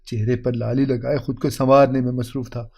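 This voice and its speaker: A man's voice: mid-range voice, level tone, dark tone. A man narrating an emotional moral story in an earnest, heartfelt reading.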